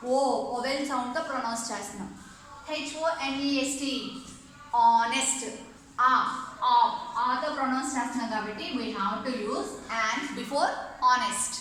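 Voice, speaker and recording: A woman's voice: sits high, moderate pace, pushed and bright. A woman teaching an English lesson online, explaining step by step and often checking whether students follow. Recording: echoey room, faint ambient noise.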